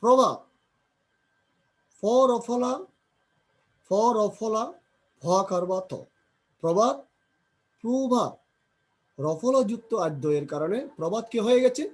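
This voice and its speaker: Slow, husky man teaching word pronunciation. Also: high voice, animated. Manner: repeats example words and asks himself questions. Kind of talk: grammar lesson, slow drilling of word pronunciation.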